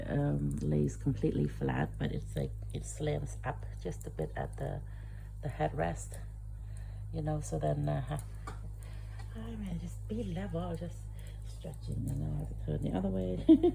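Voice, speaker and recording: A freshly woken woman chats in a slow, meandering way on her living-room couch, with a gravelly, fry-heavy voice that sits low and dark. She trails off, restarts and fills gaps with soft "ums" and chuckles. Faint room noise sits quietly behind her. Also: poor audio. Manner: rambling and hesitant, many fillers, soft chuckles. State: groggy, just woke up. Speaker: vlogger. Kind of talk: casual morning vlog.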